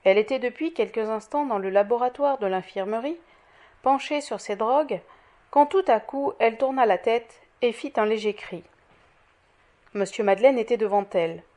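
A woman narrating a classic novel in a measured, expressive audiobook reading. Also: fairly high pitch. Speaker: audiobook reader. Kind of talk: scripted narration.

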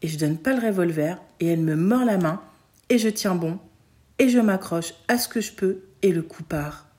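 A woman's voice: on the low side, normal speed, mellow. A woman reading a story aloud, narrating plainly in a child's first person. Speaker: reader.

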